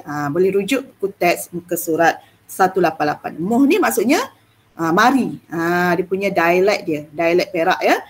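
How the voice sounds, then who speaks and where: A woman's voice: on the low side, slightly rough. Malaysian woman teacher coaxing an online class. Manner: coaxing, many "ah" fillers, chatty.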